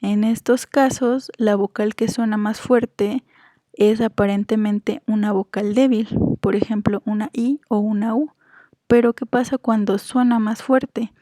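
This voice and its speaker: Female teacher, slow even delivery, mellow tone; patient explainer who drags out example words. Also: medium pitch, no room sound. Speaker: Spanish teacher. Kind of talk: explanatory grammar lesson.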